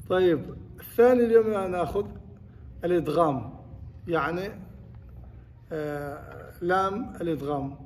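A man's voice: fairly high pitch, darkish tone. A man teaching a class on Quran recitation, repeating points and putting questions to his students. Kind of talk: classroom lesson. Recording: distant mic with faint noise.

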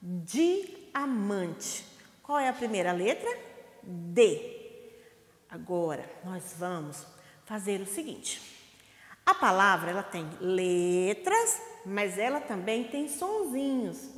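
A Brazilian woman teaching young children in slow, sing-song teacher talk, asking questions and sounding out syllables. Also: mid-range voice, very animated, fairly bright tone. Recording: echoey room with long reverb.

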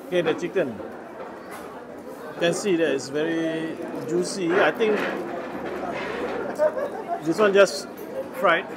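A man's voice: on the high side, steady tone, slow, pauses often, very noisy. A man in his forties with a Malaysian accent, giving a casual food review, switching between Malay and English and humming as he tastes. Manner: mixes Malay and English, savouring with hums between bites. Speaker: food vlogger. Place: busy indoor cafe. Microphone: phone camera at table. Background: loud diner chatter.

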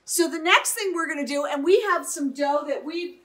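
A woman's voice: sits high, moderate pace, a bit bright. A middle-aged woman chef giving an upbeat cooking demonstration in a home kitchen, often checking in with "right?".

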